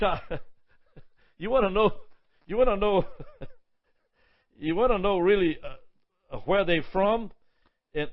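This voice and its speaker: A man's voice: high-pitched, dull audio. A man preaching a sermon, listing points emphatically, often stumbling and repeating words.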